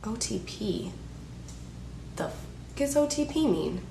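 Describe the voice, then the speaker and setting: A woman's voice: fairly high pitch, animated, takes it slowly, vocal fry, dark tone, echoey room, a little hiss or hum. A woman in her twenties chatting casually to camera, joking and laughing often. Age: 20s. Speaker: beauty vlogger. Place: indoors, a room in Los Angeles.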